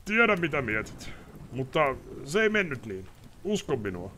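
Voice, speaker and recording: A man reading aloud and voicing a furious, frightened nobleman in a high, loud, ranting voice. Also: sing-song, a little hiss or hum. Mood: pleading. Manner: shouting, ranting, pleading. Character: furious panicking male nobleman.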